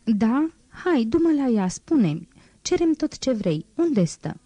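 A woman's voice: fairly high pitch, sing-song, warm tone, no echo, voice pushed up. A woman reading an audiobook, voicing an eager, pleading, lovestruck young man.

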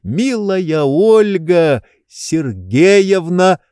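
Brief: male reader doing an idle, soft-hearted gentleman, slow and emotional, pitch rising and falling a lot, dry close sound. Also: big pitch swings, dry recording. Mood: joyful. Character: dreamy idle gentleman, overjoyed and tearful.

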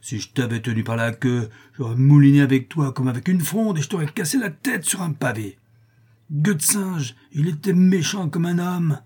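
A rough prison inmate, blunt and indignant, firing off loud outbursts, as a man voices him. His voice is dark and husky with a raised, lifted pitch. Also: moderate pace. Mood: outraged. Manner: blunt outspoken exclamations.

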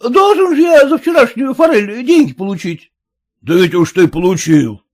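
A man voicing a wheedling one-eyed peasant who begs for his money in a high whining voice. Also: very animated, normal speed, heavily acted. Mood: pleading.

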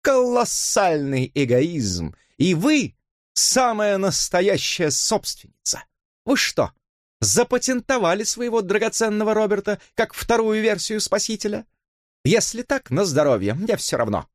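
A man's voice: high-pitched, sing-song, a little slow, a little mellow, dry recording, clean studio sound, pitched above the performer's own voice, exaggerated voice. A man voicing a haughty, glamorous woman in an audiobook reading, with a languid, drawling, contemptuous manner. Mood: scornful.

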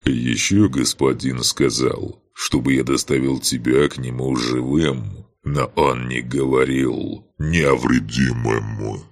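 Man voicing a deep echoing monster lord. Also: fairly even intonation, exaggerated voice. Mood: menacing. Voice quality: deep and gravelly. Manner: slow, sneering and contemptuous. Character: ancient menacing male monster servant of a dark god. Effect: booming cathedral-like echo under stone vaults. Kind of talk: audiobook character voicing.

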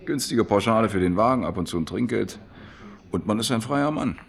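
This radio drama actor plays a jovial, probing repairman of washing machines: talkative, plain-spoken, blunt, colloquial, and keen on billiards, all in a German radio play. The man speaks fairly low and fairly quickly, expressive with vocal fry.

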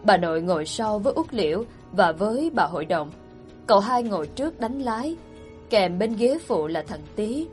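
A woman's voice: medium pitch, very animated, moderate pace, faint music behind. Woman narrating a story. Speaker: storyteller, channel host. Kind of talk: scripted audiobook narration.

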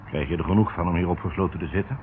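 In this noisy, tinny old radio recording with a narrow frequency band, a man in his fifties plays a ship captain who coaxes and dodges. His low voice sounds close to everyday speech but races along, and his mood is coaxing and secretive.

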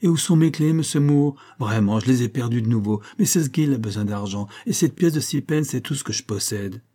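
A man's voice: medium pitch, animated, fairly quick, warm tone, natural voice. A man reading an audiobook aloud, voicing a proud, spirited young heiress in a lifted voice. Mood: flustered.

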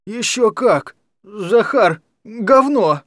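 A whiny, childlike grown man in an audiobook, voiced by a man. The voice is pitched high above the reader's own, loud and bleating. He talks in plaintive, childish outbursts. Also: lively intonation, very slow, no room sound, clean studio sound, full character voice.

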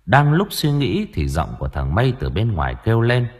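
A man narrating an audiobook in an expressive, dramatic storytelling manner. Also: fairly low pitch, a little fast, husky.

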